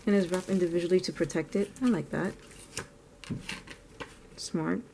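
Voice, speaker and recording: A woman's voice: lowish voice, fairly even intonation, moderate pace, vocal fry. Chatty woman painting, clicky background noise. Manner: chatty, rambling, thinks aloud. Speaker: art vlogger. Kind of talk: casual narration while painting.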